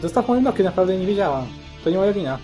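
A frightened teenage girl pleading she knew nothing, in a high cry , as a man puts her on. The voice is pushed far above his own and strained. She sounds cornered and desperate. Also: lively intonation, fast, a little mellow, soft background music.

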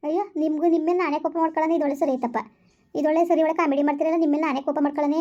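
A woman acting as a fed-up, sharp-tongued young wife in a village family drama, with quick, sarcastic retorts. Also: high voice, little pitch movement, lightly acted. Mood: retorting. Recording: dull lo-fi recording.

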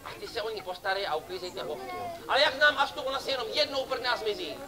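A man performing as a street clown for children at an outdoor summer festival, joking and teasing volunteers from the audience. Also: very high voice. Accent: Czech. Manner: playful, teasing banter with kids and audience. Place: outdoor festival stage before a crowd. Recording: lively crowd behind.

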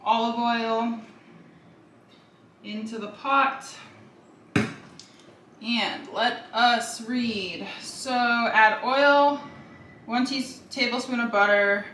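A woman's voice: a little high, fairly even intonation, extremely slow, long pauses, sharp tone. A young woman casually narrating a cook-along in her home kitchen, chatty and thinking aloud as she goes. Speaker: cooking vlogger. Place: home kitchen with sizzling pan. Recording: echoey kitchen, faint noise.

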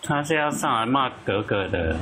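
A man's voice: medium pitch, animated, moderate pace, pushed and bright, a little hiss or hum, rough recording. A man arguing insistently and protectively in casual talk in an online voice chat room.

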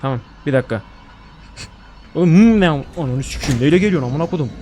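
A young man streaming a horror game, swearing a lot and jumping into loud panicked outbursts. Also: fairly high pitch, expressive, quick pace, slight background noise. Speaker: gaming streamer. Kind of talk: horror game let's play.

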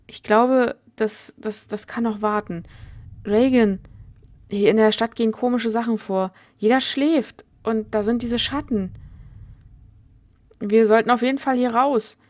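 A woman's voice: a little high, steady tone, unhurried, darkish tone, close to an everyday voice. A woman reading as a blunt, stubborn girl. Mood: urgent. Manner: blunt and earnest. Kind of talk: reading game dialogue aloud.

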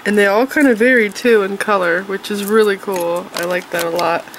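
In a relaxed show-and-tell at an indoor tabletop, filmed overhead on her hands, a woman with an allergy-blocked, nasal voice shows her craft supplies with chatty enthusiasm, fillers, and restarts. She speaks at a moderate pace in a medium pitch and a steady tone. The recording is rough, with slight background noise.

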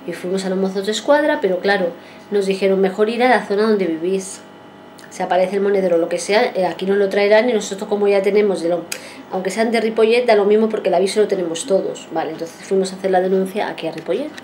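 A woman in her forties vlogs a long story to her viewers, talking fast in a medium-pitched, slightly mellow voice. She rambles, repeats herself and acts out what people said, and there's a little hiss or hum on the audio.

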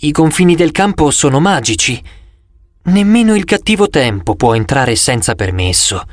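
A man voicing a stern young huntress leader with old-fashioned, measured speech in an audiobook. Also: a little high, very animated, no room sound, studio quality. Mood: troubled.

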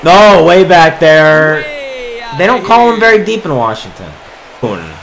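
Excitable high-voiced man calling gameplay. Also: unhurried, vocal fry, a faint crowd, rough recording. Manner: excitable, calling home runs like a sportscaster. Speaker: gaming video creator. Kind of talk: gameplay commentary.

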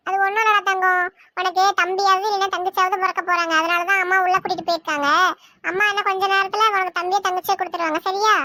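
A woman's voice: very high voice, little pitch movement, quick pace, pushed and bright, no echo. A woman voicing a caring, firm grandmother in a cartoon, reassuring and sometimes scolding, with a Kanyakumari Tamil accent. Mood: soothing. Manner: reassuring, scolding when needed.

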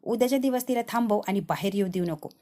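A woman voicing a bossy woman who briskly directs the wedding rituals and gives orders. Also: medium pitch, mellow, close to an everyday voice. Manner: brisk, commanding.

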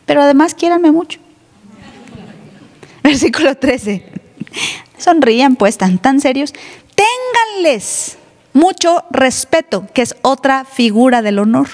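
A woman's voice: sits high, a little slow, pauses often, a little mellow. Emphatic woman pastor preaching in a hall. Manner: emphatic, teasing, plays other voices. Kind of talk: sermon. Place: church. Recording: live church hall reverb.

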